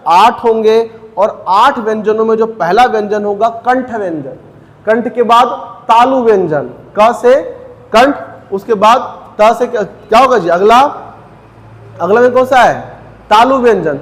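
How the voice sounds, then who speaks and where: A man teaching a Hindi grammar class for exam preparation. He asks the class questions, answers them himself, repeats key terms and says each sound slowly. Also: sits high, big-room sound.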